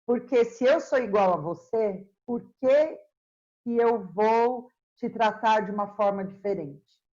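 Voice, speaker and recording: A middle-aged woman, a historian being interviewed, speaking slowly and earnestly in a relaxed, reflective way. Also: a little high, muffled recording. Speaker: historian guest. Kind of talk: casual interview chat.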